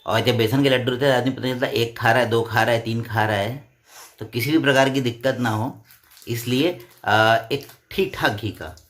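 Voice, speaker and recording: A man's voice: medium pitch, normal speed, a bit bright. A man co-hosting a family vlog from his living room, chatting casually and explaining things at length with restarts. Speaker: vlogger, co-host. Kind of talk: casual home chat.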